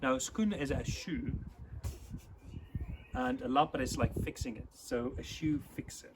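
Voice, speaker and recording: A South African man whose first language is Afrikaans chats informally online with a youth club of children, teaching them words slowly. His voice is medium-pitched, with a noisy background.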